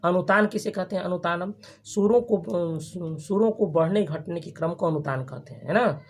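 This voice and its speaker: A teacher giving a grammar lesson to a class, repeating each term and asking quick questions for the students to answer back. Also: medium pitch, slight background noise. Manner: frequent restarts and checking questions. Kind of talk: classroom lesson with call-and-response.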